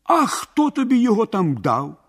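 Guy doing amazed villagers asking questions, pitch jumping all over, husky. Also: wildly swooping pitch, normal speed, heavily acted. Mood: astonished.

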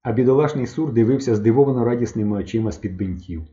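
A man narrating an audiobook in an even storytelling manner. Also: mid-range voice, fast, lo-fi sound.

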